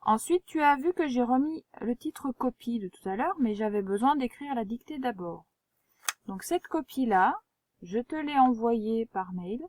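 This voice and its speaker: A woman teacher giving a dictation lesson to children, spelling words letter by letter and gently pointing out traps. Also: on the high side, no echo. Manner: gentle, reminding pupils of traps. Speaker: primary school teacher.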